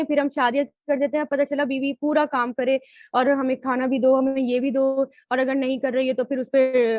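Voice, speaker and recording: A woman teaching Quran grammar and tafseer. She asks questions and answers them herself, and slows down to spell out Arabic word forms. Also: sits high, no room sound, muffled recording.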